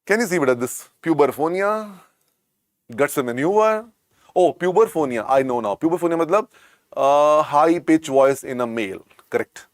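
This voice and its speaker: A man with an Indian English accent lectures to medical exam students. He repeats every key point and keeps coaxing the class along. His voice sits a little high for a man and is recorded dry and close, with no room sound. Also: animated, normal speed, dry recording. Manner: repetitive, coaxing, keeps adding "beta" to drill points.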